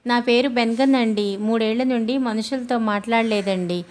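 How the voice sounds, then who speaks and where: A woman's voice: a little high, moderate pace, darkish tone, close to an everyday voice. Woman voicing a pleading old marooned pirate. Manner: humble, wheedling, keeps adding polite endings.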